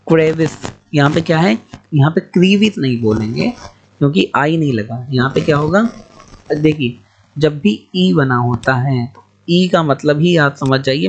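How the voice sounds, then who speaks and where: Male tutor, gravelly slightly high voice, spells words out patiently, muffled lo-fi recording. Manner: spells words letter by letter, slow and explanatory. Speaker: English teacher. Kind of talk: spoken Hindi English-pronunciation lesson. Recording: dull lo-fi recording.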